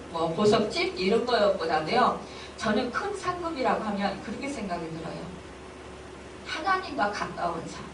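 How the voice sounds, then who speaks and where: A woman's voice: sits high, fairly bright tone, slight background noise. A woman pastor delivering a Sunday sermon, earnest and emotional, often acting out her own inner voice with rising exclamations. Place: church hall. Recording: echoey church from a distant mic.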